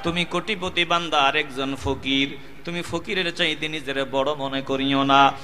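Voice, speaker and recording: A man preaching a waz sermon, swinging between loud calls and low chanting. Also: fairly even intonation, normal speed.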